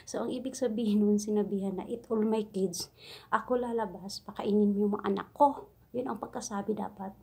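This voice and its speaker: A woman's voice: medium pitch, steady tone, fairly quick, creaky, a little mellow, slightly rough. A woman from the Philippines with a Cebuano accent, a domestic helper telling funny stories in a casual vlog, chatty and giggly as she mimics her employer's broken English.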